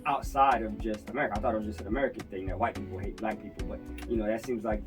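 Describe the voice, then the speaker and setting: A man's voice: on the low side, very fast, recorded from a distance. Hyped-up male radio host over music. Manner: energetic, loud hype intro delivery. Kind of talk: hype radio interview.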